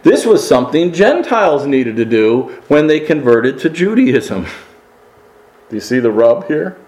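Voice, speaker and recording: A man preaching a sermon, building to emphatic peaks and dropping to quiet asides. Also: medium pitch, sing-song, a little slow, reverberant, rough recording. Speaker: pastor.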